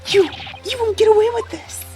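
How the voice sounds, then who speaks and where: A woman's voice: a little high, animated, fast talker, music in the background, lightly acted. A woman voicing an earnest young male defense lawyer in a fan game dub, stammering and urgent.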